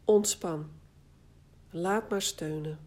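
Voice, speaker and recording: Woman, meditation instructor, unhurried delivery, slightly low pitch, calm, soothing, short phrases, long pauses. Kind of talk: guided body scan relaxation narration.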